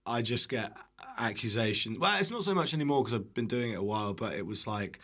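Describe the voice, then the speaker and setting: This British podcast guest, who makes cooking content online, speaks fairly quickly in a lowish, expressive voice with a fairly bright tone. The casual chat is informal, and he runs himself down and swears freely.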